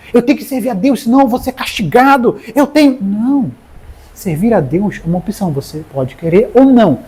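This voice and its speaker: Animated husky-voiced Brazilian preacher man. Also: sits high. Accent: Brazilian Portuguese. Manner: animated, talks straight to the congregation by name. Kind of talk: sermon.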